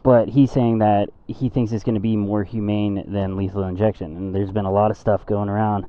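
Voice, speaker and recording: A man's voice: lowish voice, level tone, fairly quick, clear, resonant tone, no room sound. A man chatting casually and digressively from inside a helmet while riding a motorcycle, in a laid-back, slangy way. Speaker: motorcycle vlogger. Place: outdoors, riding a motorcycle on public roads at night. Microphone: microphone inside a helmet. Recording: muffled phone-like helmet mic, loud engine and road noise.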